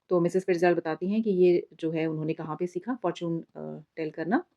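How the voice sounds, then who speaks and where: A woman teacher talks her students through an exam summary lesson in a patient, explanatory way. She mixes Hindi and English and keeps calling them "beta". Her voice sits a little low and sounds warm and relaxed, on a somewhat dull, lo-fi recording.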